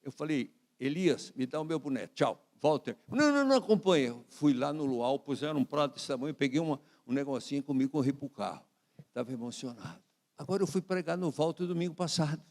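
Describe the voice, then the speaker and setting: A man with a Brazilian Portuguese accent preaching a sermon as a pastor, telling a story with lively shifts of voice as he acts out what others said. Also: a little high, a little fast. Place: church sanctuary. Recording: reverberant church hall.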